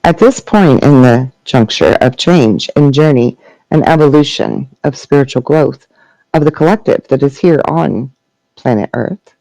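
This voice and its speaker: A man acting as a trance medium for a serene, benevolent spirit collective. The voice is mellow and very unhurried, moving in formal, halting phrases like teachings delivered at a seance. The sound is close and dry. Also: mid-range voice, vocal fry, dry recording, rough recording. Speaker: trance channeler answering questions. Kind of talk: trance channeling question and answer session.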